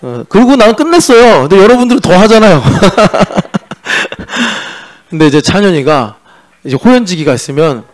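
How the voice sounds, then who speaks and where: A man's voice: high-pitched, sing-song, normal speed. A male pastor preaching a sermon in a chatty, joking way, teasing his congregation. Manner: mixes in sung-style English lyric lines. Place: church sanctuary.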